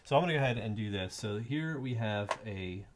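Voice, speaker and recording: A man's voice: on the low side, animated, a little fast, background noise. Man thinking aloud over a board game. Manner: thinks aloud, rambling with fillers. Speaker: board game stream co-host. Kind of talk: casual chat while playing a board game. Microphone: streaming mic.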